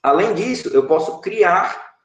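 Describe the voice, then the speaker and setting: An animated man in his thirties with a Brazilian Portuguese accent, his voice pitched high, explains app-building blocks via screen share in an online class. The webcam audio from his echoey home room sounds dull, and he leans on the filler "é" and the tag "certo?" to check on students.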